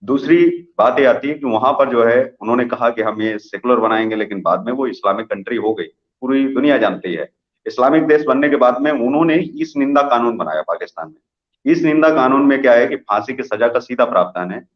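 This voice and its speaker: Brief: male news interviewer, mid-pitched, pushes rhetorical questions, roomy dull broadcast sound. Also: fairly quick. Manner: argumentative, long rhetorical questions. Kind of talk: opinionated live TV interview.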